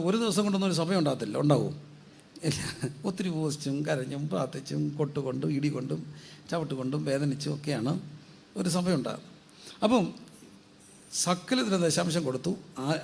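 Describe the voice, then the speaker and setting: A man preaching as a guest pastor, asking rhetorical questions, answering them himself and urging the congregation to repeat after him louder. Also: on the high side, gravelly, slight background noise. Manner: drives call-and-response, urging the crowd to say it louder. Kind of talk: sermon.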